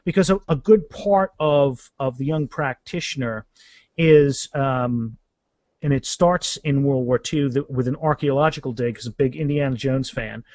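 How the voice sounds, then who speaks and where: In a lively, casual interview, a man discussing his books as a guest author explains things emphatically, frequently repeating words. He speaks at normal speed, with a medium-pitched, darkish voice and no echo.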